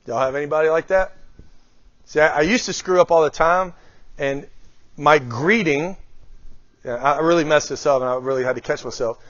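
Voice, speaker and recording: A man's voice: on the high side, normal speed, long pauses, fairly bright tone, no room sound. A middle-aged man speaking as a guest speaker, giving a motivational talk on leadership and often putting questions to his audience. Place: small room before a live group. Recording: dull lo-fi, dry sound.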